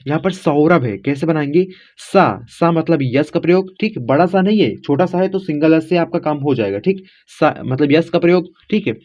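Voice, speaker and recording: A man's voice: on the high side, normal speed, few pauses, a little mellow. A man teaching in a casual classroom way, spelling letters aloud step by step and checking in often with the viewers. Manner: addresses viewers as friends, informal. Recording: dull lo-fi recording.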